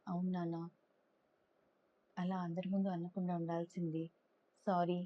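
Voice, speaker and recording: A woman voicing a gentle, loving mother who speaks softly and reassuringly to her young son. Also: fairly low pitch, level tone, moderate pace, a little hiss or hum, close to an everyday voice. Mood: tender. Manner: soft, tender, reassuring. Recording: dull lo-fi recording.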